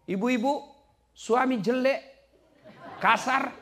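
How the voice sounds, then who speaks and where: A man preaching a lively sermon to a congregation. He asks the listeners direct questions and swings between low, hushed storytelling and high, loud punchlines. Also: takes it slowly, soft background music, some chatter behind. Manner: addresses the audience directly with questions. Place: community gathering hall.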